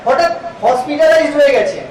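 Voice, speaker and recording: Man playing an eager high-voiced Indian Bengali suitor. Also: lively intonation, fairly quick. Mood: eager, accommodating. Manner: eager, easily flustered. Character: eager, smitten, flustered young man awaiting his bride-to-be. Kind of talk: light romantic comedy drama acting. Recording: very echoey room, distant mic, faint noise.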